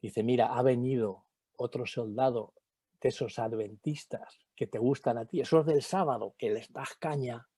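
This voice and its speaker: A middle-aged Spanish man tells his personal testimony as a pastor, acting out the conversations with lively exclamations. His voice is mellow and warm at a middling pitch. The recording is dry and close. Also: normal speed, breathy edge, no room sound. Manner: animated storyteller acting out dialogue.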